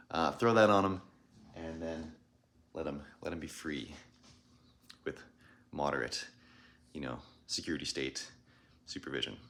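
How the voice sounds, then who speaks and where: A man in his thirties talks at home in a very low, deep morning voice. He rambles through a casual review with lots of fillers and self-deprecating asides. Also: a bit bright. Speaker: channel host reviewing home espresso machines.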